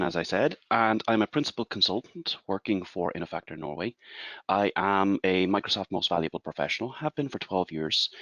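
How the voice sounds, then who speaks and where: An Irish man in his forties, working as a consultant, presents a webinar in a measured, explanatory way and asks rhetorical questions. His voice is low-pitched and a bit bright, and the recording is dry.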